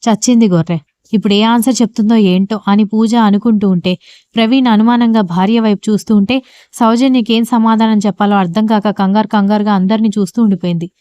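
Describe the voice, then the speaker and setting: Brisk, clear woman storyteller. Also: medium pitch, no room sound. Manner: brisk, steady reading. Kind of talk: scripted narration of an audio story.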